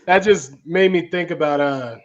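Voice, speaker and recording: A man hosting a podcast, asking a question haltingly and repeating words as he gets it out. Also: a little high, highs cut off. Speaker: podcast host. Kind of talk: casual interview questions.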